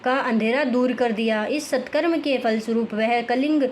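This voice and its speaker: A woman reading a scripture story aloud, halting and restarting many words as she goes. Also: fairly high pitch, a little hiss or hum. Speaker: scripture reader.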